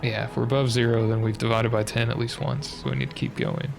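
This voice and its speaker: This young streamer is very animated and talks fast, his mid-range voice marked by vocal fry and a stuffy, slightly nasal quality. Even so, he mutters hesitantly as he thinks aloud through the puzzle game's logic step by step, with music underneath.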